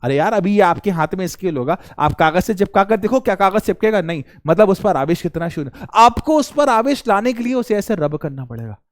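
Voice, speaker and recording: A young man teaching a physics lesson in a lively, playful way, joking and repeating questions for his students, recorded in a studio. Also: high-pitched, brisk, few pauses. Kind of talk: energetic classroom lecture.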